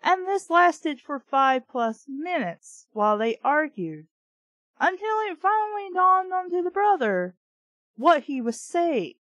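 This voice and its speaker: A woman reads a story aloud audiobook-style in a very high-pitched voice with big pitch swings, slow pace, and fairly bright tone, recorded with no echo. A reader and reviewer of children's books, she breaks in with sweary, sarcastic, exasperated ad-lib commentary of her own.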